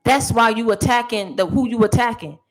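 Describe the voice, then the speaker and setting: A woman with a fairly high voice delivers a motivational monologue, preachy and full of sass. She speaks directly to the people she feels are against her, never backing down. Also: a little fast, low-quality recording. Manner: sassy, preachy, addresses critics directly.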